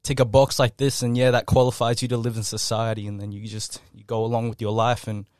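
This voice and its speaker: A man's voice: medium pitch, flat delivery, fast talker, a little mellow, no echo. A teenage man, a podcast guest in a small studio room, rambling and swearing and trailing off. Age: late teens. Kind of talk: casual chat.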